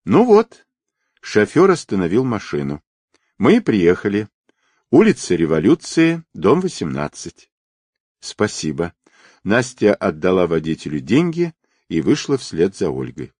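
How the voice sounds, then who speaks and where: A man reading a novel aloud as an audiobook narrator, voicing all the characters in a lively, dramatic way. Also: measured pace, dry recording, clean studio sound. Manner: lively, dramatic reading with wide swings in pitch.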